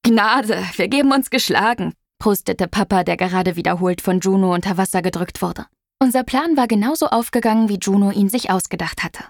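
Gravelly-voiced woman reading a story. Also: mid-range voice, fairly quick, a little mellow, no room sound, studio quality. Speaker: audiobook reader. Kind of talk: scripted audiobook narration.

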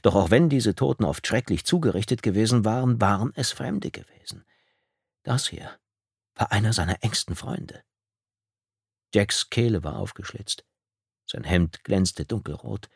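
A man reading a thriller audiobook in a steady, measured voice. His tone sits somewhat low. The recording is close and dry, with no room sound. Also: vocal fry, breathy edge, no echo. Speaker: audiobook narrator. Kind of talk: scripted narration.

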